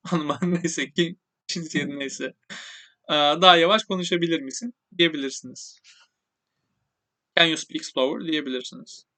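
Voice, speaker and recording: A man teaching English in a casual online lesson, speaking Turkish and slowly repeating English phrases. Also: high-pitched, sharp tone.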